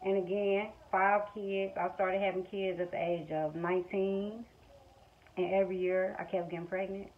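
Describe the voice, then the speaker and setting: A Missouri stay-at-home mother in her twenties vlogs to camera from a small room at home, chatting frankly and off the cuff in colloquial speech with an American accent. Her mid-range voice is level and moderately paced, captured on a phone held at arm's length or propped nearby. The audio is dull and lo-fi, with faint household noise.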